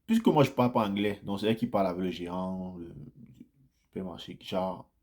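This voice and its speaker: Talking fairly quickly, a vlogger with a fairly low voice tells his audience, in a relaxed first-person way, what it has been like to be an immigrant. Chatty by nature, he leans on repeated phrases for emphasis and becomes more animated as his anecdotes build.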